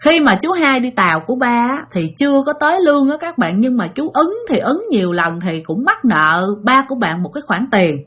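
A woman voicing the pleading ghost of a dead middle-aged man, speaking softly and hesitantly. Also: fairly high pitch, very animated, a little fast, few pauses, slightly rough, exaggerated voice. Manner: begging, soft and hesitant.

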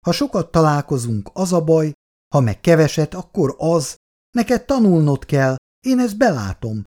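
A man's voice: a little high, very animated, a little mellow, voice pushed up. Man doing an awkward stammering young suitor. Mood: anxious, defensive. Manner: hesitant, stammering.

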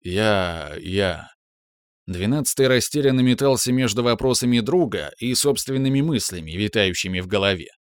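A man reads dramatic fiction as a scripted audiobook narrator. His pitch is mid-range and the sound is dry, with no room on it. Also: a little fast, few pauses, clear, resonant tone, no echo.

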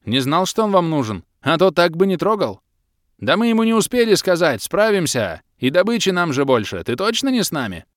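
A man voicing a loud, brash male half-orc mercenary who shouts over the wind in an audiobook. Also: on the high side, big pitch swings, brisk, no room sound, clean studio sound. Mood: hollering. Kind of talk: audiobook character reading.

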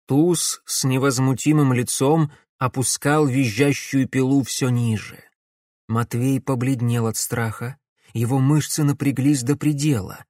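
A man's voice: mid-range voice, a little mellow, no echo. Man narrating an audiobook, dry sound. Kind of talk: scripted narration.

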